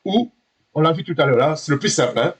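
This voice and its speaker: A man teaching a beginner Hebrew class, halting and correcting himself, patiently checking that his students understand. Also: a little high, lively intonation, slightly rough.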